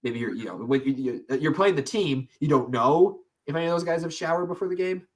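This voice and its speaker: A man's voice: fairly high pitch, expressive, a little fast. Rambling young man chatting on a podcast. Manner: rambling, many fillers and restarts, laughs often. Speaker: podcast co-host. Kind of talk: casual chat.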